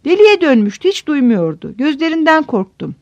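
Woman reading scared young village girl, trembling, halting, high and lively, storybook. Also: no room sound, lo-fi sound. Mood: pleading.

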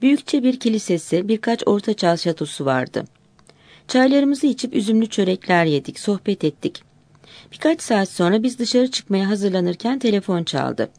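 Woman, audiobook narrator, calm measured delivery, mid pitch, dry recording. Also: no echo.

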